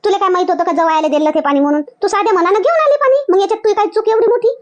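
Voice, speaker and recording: A woman's voice: very high-pitched, racing, highs cut off. A woman with a Varhadi Marathi accent playing a protective village mother who scolds and insists in a rural comedy skit. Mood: firm. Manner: scolding, insistent, repeats points. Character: village mother, firm and protective of her daughter.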